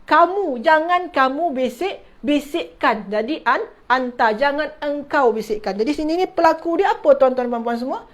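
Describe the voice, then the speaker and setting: A woman teaching an online Arabic grammar class. She repeats terms, restarts words and keeps checking whether her listeners understand, addressing them formally as ladies and gentlemen. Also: sits high, expressive, normal speed, few pauses. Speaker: religious teacher.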